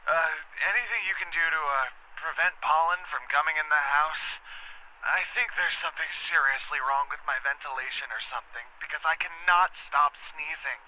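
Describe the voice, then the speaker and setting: A man's voice: a little high, a little fast, bright, forceful tone. A man playing a nervous, hesitant allergy sufferer making an apologetic phone call in a video game. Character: nervous, sniffly male caller with allergy trouble.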